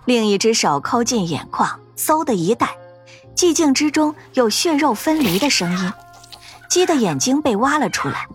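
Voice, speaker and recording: A woman narrating a fantasy ghost story in an expressive, dramatic storytelling manner. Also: fairly high pitch, normal speed, faint music behind.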